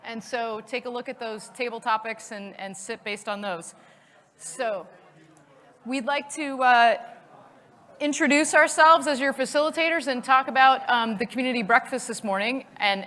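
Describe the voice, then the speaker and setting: A woman's voice: on the high side, moderate pace, bright, forceful tone. A woman hosting a conference breakfast, upbeat and friendly, with fillers and restarts. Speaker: event host and facilitator. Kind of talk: welcoming talk to a breakfast audience. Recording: long hall reverb.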